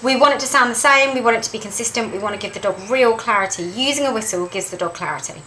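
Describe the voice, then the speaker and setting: A woman presenting a dog-training lesson, lively and emphatic, who repeats her key points. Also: fairly high pitch, fast, slight background noise, low-quality recording. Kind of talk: instructional talk to camera.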